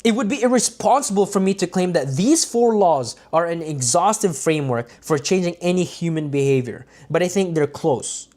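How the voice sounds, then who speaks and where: On a livestream, a man with a high-sitting voice and darkish tone reads aloud from a self-help book. He stumbles and restarts now and then, tossing casual asides to his viewers.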